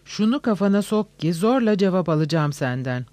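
A man voicing an agitated, demanding young gentleman who presses insistently and sharply. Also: sits high, lively intonation, brisk, no echo. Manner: insistent, sharp, shouting at times.

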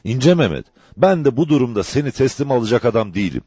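A man voicing a big, fatherly gendarme sergeant who speaks in loud, commanding calls. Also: medium pitch, sing-song, brisk, husky, dry recording, voice pushed up. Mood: proud.

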